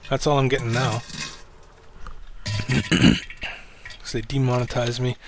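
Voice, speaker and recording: A man hosting a casual livestream chat, rambling and self-deprecating, swearing offhandedly in a low-key, fairly monotone way. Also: slow, music in the background. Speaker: livestream host.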